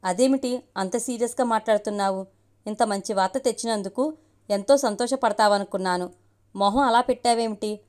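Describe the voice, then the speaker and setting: A woman's voice: medium pitch, fairly quick, a little mellow, natural voice. A woman reading the lines of a kind, teasing young man in a family story, in a light tone.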